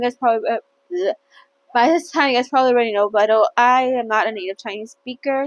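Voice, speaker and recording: Dull audio captures a woman with a voice on the high side as she hosts a relaxed read-along of a novel. She's playful and chatty, often stumbling and then fixing her mistakes.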